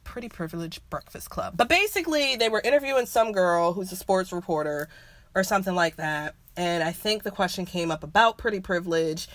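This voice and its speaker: A woman co-hosting a podcast in casual chat, slightly hoarse from a cold, playful and laughing often. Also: on the low side, brisk, a bit bright, no room sound. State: hoarse, getting over a cold. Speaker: podcast co-host.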